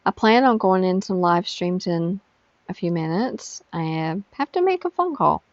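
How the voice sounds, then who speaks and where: Tired, slow-talking woman vlogger. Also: lowish voice, lively intonation, no room sound. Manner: slow, drowsy rambling with frequent fillers. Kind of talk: casual chat to camera. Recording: dull, lo-fi sound.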